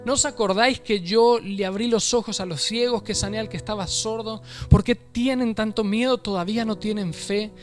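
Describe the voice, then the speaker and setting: A preacher puts on the voice of a calm teacher who gently rebukes his frightened followers. The voice sits high and stays even and unhurried. Soft music plays faintly behind him. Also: natural voice. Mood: gently rebuking.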